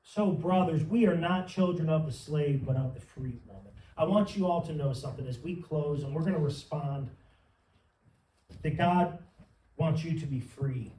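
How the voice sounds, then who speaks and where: Fervent high-voiced male preacher. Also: normal speed, dark tone, slight background noise. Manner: fervent, rising to emphatic peaks. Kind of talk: sermon. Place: church sanctuary. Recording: roomy sound from some distance.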